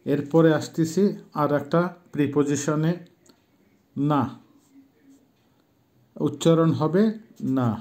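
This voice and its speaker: A middle-aged man gives a language lesson, speaking patiently and haltingly and slowly repeating words so they can be pronounced. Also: a little high, steady tone, a little mellow. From Bangladesh. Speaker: language teacher.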